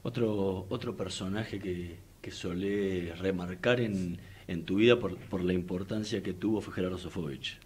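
A male interviewer with an Argentine accent, his voice a bit low and husky. He asks haltingly and repeats words as he works toward each question. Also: a little mellow. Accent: Argentine Spanish.

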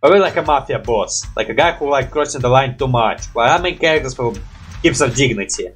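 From a small room at home, a young man reacts to animations, his medium-pitched voice animated and brisk. His English is non-native, rambling, and hesitant, peppered with habitual mild swearing as he hosts his casual reaction video. There's slight background noise.

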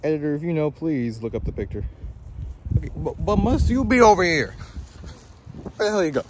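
A man vlogging outdoors near the woods in a rough morning voice, bantering, grumbling and joking as he talks. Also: a little high, animated, brisk, background noise. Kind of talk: casual outdoor vlog chat.

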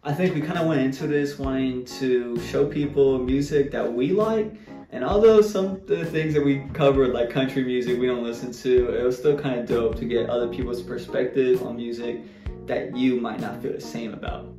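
A man's voice: mid-range voice, steady tone, moderate pace, warm tone, roomy sound, soft background music. A young man, a student show host, talking casually to camera in a small studio room. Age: teens to young adult.

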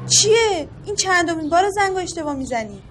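A neighbor who answers the intercom with a high voice and sharp, short questions. She sounds fed up and impatient. Loud noise sits behind her voice. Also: lively intonation. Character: irritated woman neighbor at the door intercom.

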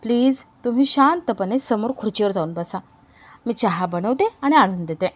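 A woman's voice: medium pitch, expressive, normal speed, natural voice. A woman voicing an anxious, polite young bride in a retold family drama, speaking in a worried tone.

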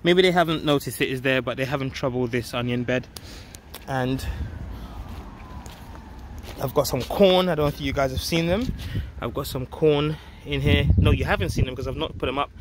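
Standing on his allotment garden, a thirtysomething vlogger and gardener speaks emphatically into a close-held handheld phone, offering viewers a casual, enthusiastic update. His medium-pitched voice keeps a moderate pace. The recording picks up outdoor ambience and passing vehicles.

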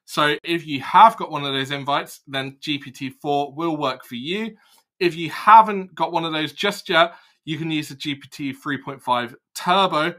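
A young man casually walking through a software demo, explaining each step as he clicks. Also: a little high, moderate pace. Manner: casual, explanatory, thinks aloud while clicking. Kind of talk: screen-recorded product walkthrough.

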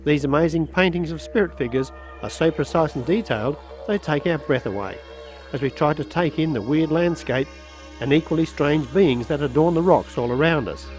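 Travelogue presenter, male, Australian, scripted narration in a higher register over background music. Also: normal speed, darkish tone. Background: music under voice-over.

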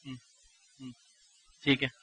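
A man giving a motivational lecture to a live audience, speaking rhetorically, putting questions to the listeners and acting out what parents say. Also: bright, forceful tone.

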